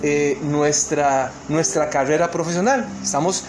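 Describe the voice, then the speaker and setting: A Costa Rican man speaking to an online seminar, earnest and emphatic, often pausing on fillers and restarting his sentences. His voice sits somewhat high for a man, and a steady hiss of noise runs under the call. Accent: Costa Rican Spanish. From Costa Rica.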